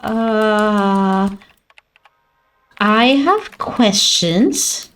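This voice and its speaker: Mid-range, expressive, fairly bright, and extremely slow, the female gaming streamer plays a game while offering playful, mock-dramatic let's play commentary and arguing with a character on the screen.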